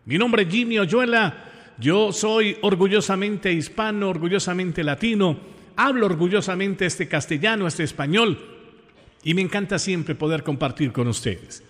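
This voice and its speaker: A man from Pereira, Colombia, with a Colombian accent, hosts radio informally from a large hall, his high, slightly bright voice at normal speed. He's affectionate and effusive with listeners and repeats phrases for emphasis.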